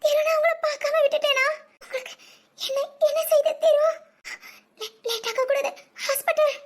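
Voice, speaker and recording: A woman's voice: extremely high pitch, fairly even intonation, normal speed. A woman voicing a frantic young wife who stammers and cries in panic over her husband. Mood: panicked, tearful. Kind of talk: cartoon voice acting.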